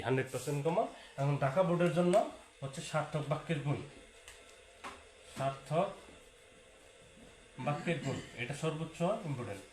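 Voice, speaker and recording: A man giving an exam-prep lecture to students, repeating key points and mixing in English words. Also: mid-range voice. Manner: repetitive, talks straight to students, sprinkles English words. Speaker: teacher. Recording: echoey room with faint hiss.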